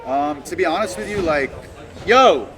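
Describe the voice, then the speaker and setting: A man giving a casual post-fight interview as a fighter, confident and slangy, with halting, repeated words. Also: on the high side, rough recording. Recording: loud crowd chatter behind. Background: busy crowd talking nearby.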